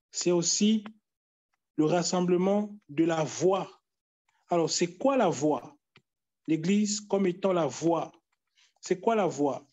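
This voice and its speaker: High-pitched guy preaching slow, repeating himself for emphasis, pleading with the church. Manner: exhorting, pleading with listeners; repeats phrases with emphatic pauses. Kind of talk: sermon.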